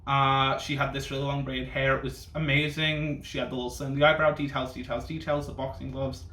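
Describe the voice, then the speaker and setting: Medium in pitch with little pitch movement, this man's voice is brisk, bright and forceful as he gives casual reaction commentary hosting a ranking video. He delivers it with drag-queen sass and bitchiness, full of camp slang and swearing. The echoey room adds faint noise.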